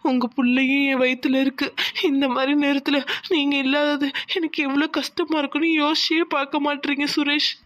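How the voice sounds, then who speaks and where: A tearful young pregnant wife, voiced by a woman in a village cartoon. She pleads in a high voice. The sound is dry and close. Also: flat delivery, fairly quick, fairly bright tone, no echo. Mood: pleading. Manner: pleading, sorrowful.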